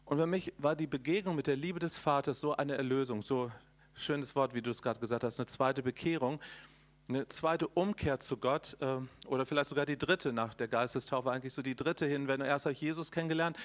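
A middle-aged man preaching a charismatic sermon, folksy and animated, talking straight to his listeners and making sound effects. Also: mid-range voice, a little fast. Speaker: preacher and conference speaker.

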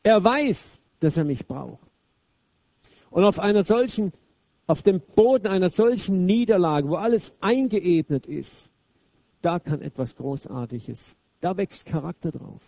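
A man's voice: sits high, lively intonation, a little slow, vocal fry, a little mellow, no room sound. A man preaching a sermon in a blunt, emphatic, colloquial way. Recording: dull lo-fi recording.

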